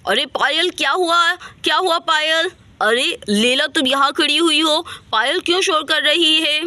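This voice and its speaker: A woman's voice: sits high, a little slow, pushed and bright, no echo, voice pushed up. Woman doing Mirza, a flustered village husband. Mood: worried. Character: village husband, young man, fussy and flustered.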